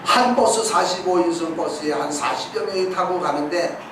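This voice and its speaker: A man preaching with a fairly high voice, lively and animated, and often tossing questions out to the congregation. His voice booms around a big, echoing sanctuary and sounds distant from the mic. A faint hum of room ambience sits underneath. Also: normal speed. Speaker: pastor. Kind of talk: sermon. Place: church sanctuary. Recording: echoey church hall from far off.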